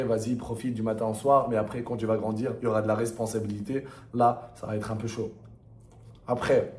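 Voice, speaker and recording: A man's voice: medium pitch, a little mellow. Young man in echoey room. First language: not French, learned it through video games. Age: young adult. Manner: enthusiastic, slangy, repeats himself emphatically. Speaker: gamer sharing memories. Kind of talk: casual rambling chat.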